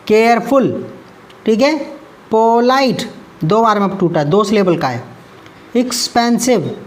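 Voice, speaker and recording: A man teaching English grammar, repeating each word and asking himself questions, then answering them. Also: high-pitched. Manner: repeats words, asks and answers own questions. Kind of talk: explaining grammar lesson.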